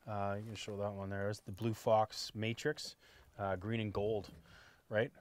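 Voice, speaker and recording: Talking about his gear in a casual way, a man in his forties hosts a fishing show outdoors on a boat with a lapel mic clipped on. His voice leans low and his delivery is a little slow. He comes across as easygoing and talkative, finishing lines with "right?"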